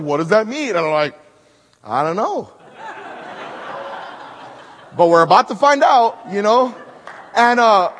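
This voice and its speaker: A guest preacher from Maui, Hawaii, delivers a conference sermon woven with storytelling. He is emphatic, swinging between loud, rising build-ups and hushed, low asides. The sound has a big-room quality.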